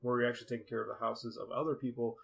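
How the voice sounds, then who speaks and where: A man with a mid-pitched voice chats about video games as a podcast co-host. He is laid back and swears casually as he talks. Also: flat delivery, racing, gravelly. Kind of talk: casual gaming chat.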